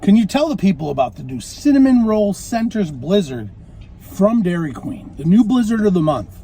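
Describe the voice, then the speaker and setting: Give me a man chatting through a food review, animated pitch and a warm tone. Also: moderate pace, a little hiss or hum. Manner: chatty, talks with mouth full. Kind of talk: casual food review chat.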